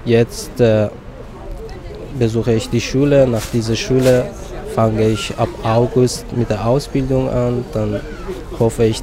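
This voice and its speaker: Slow Afghan man, street noise behind. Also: on the low side. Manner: searching for words, small grammar slips. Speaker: apprentice. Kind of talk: interview statement.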